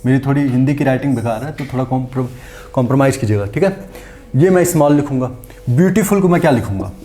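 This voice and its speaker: A male teacher gives an exam-prep English grammar lesson in a classroom-style video, repeating points and asking and answering his own questions. He speaks at a quick pace in a mellow, mid-range voice.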